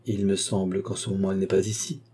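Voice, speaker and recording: A man's voice: deep voice, little pitch movement, fast talker, dark tone, husky. A man reading an audiobook, voicing an earnest young man who speaks firmly and respectfully to his older cousin. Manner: earnest, firm.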